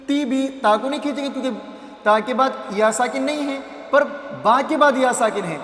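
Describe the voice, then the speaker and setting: A man teaching a Quran reading primer, drawing out syllables in slow chant between quick explanations and asking then answering his own questions. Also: very high-pitched, fairly bright tone, echoey room, in a large hall.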